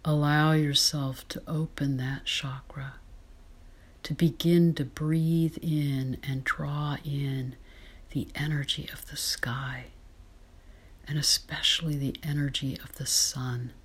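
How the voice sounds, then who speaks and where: A woman guides a meditation in a soft, breathy whisper. Her voice sits very low and drifts along at an unhurried pace. The tone is husky and airy, calm and soothing throughout.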